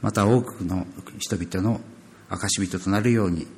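A man's voice: low voice, unhurried, a little mellow, a little hiss or hum. A man reading scripture and then leading a prayer in a solemn, earnest manner.

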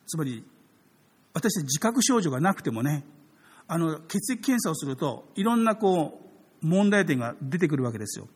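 Pastor, male, slightly husky, friendly sermon delivery with many asides to the congregation. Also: fairly high pitch, big pitch swings, moderate pace, big-room sound. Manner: conversational, addresses the audience with frequent tag questions.

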